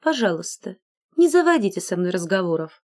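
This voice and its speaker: A touchy, prudish garter, a young lady of the laundry who keeps her suitor at arm's length, as a woman puts her on. She sounds prim and offended, with a lively storybook lilt. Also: mid-range voice, fairly quick. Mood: prim refusal.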